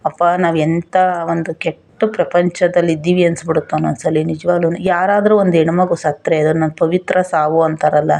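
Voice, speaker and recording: A woman's voice: lowish voice, darkish tone. Impassioned rural Kannada woman vlogger. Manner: impassioned, pleading, repetitive. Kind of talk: emotional opinion monologue.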